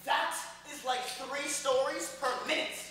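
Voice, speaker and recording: A woman co-narrating a comic stage play with wry, deadpan asides. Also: sits high, a little slow. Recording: echoey stage recording, noisy.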